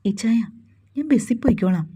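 A woman voicing a gentle, hesitant young woman doctor in a storybook, speaking softly and pleadingly. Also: fairly high pitch, expressive, fairly quick, breathy edge. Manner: soft, pleading.

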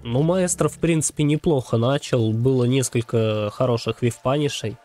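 Male fighting game announcer, mid-pitched, live clipped play-by-play with jargon, music underneath. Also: moderate pace, mellow. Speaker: esports tournament commentator.

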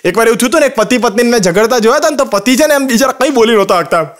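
A young man with a Gujarati accent tells a comic stage story in a high, light voice. He speaks at a breakneck pace and moves from one anecdote to the next, acting out the quoted lines as he goes. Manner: rapid, animated anecdotes with quoted dialogue. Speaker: stand-up comedian.

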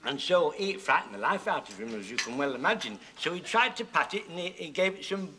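A man's voice: a little high, sing-song, brisk, sharp tone. An actor playing a chatty older grandfather who rambles through joking war anecdotes in a 1970s TV sitcom. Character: chatty old male war veteran grandad, cheeky storyteller. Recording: hissy 1970s TV sitcom recording.

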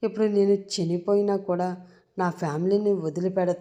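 A woman's voice: mid-range voice, fairly even intonation, normal speed, dark tone, close to an everyday voice. A woman voicing a frightened young bride who pleads through tears. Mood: despairing. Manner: pleading, crying.

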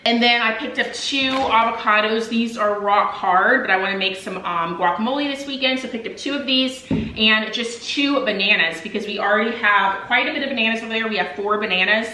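A woman's voice: mid-range voice, sharp tone, slight background noise. A young woman in a home kitchen, chatting upbeat to her viewers as she shows off her shopping haul. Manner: upbeat, chatty, addresses viewers as "you guys". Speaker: vlogger. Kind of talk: casual haul video chat. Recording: echoey room.

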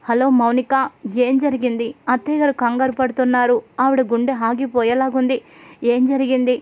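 A woman voicing a firm young sister-in-law who lectures and scolds forcefully. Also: sits high, flat delivery, normal speed, natural voice. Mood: urgent.

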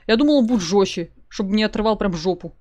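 A woman's voice: mid-range voice, expressive, very fast, mellow. A woman giving casual gameplay commentary as a let's play gamer, chatting to her viewers and reading in-game notes aloud.

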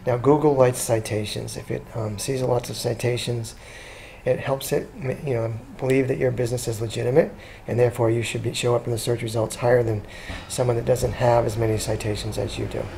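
An SEO consultant pitches a business while casually narrating a screen-recorded walkthrough, relaxed and chatty with frequent ums and restarts. His medium-pitched voice is gravelly and fairly quick, with a little hiss or hum.

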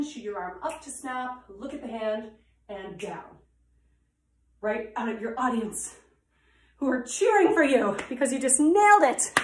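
Woman dance instructor, counts steps in rhythm between chatty asides; roomy echo. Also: mid-range voice. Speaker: dance teacher. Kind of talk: counting through a dance combination. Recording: echoey room.

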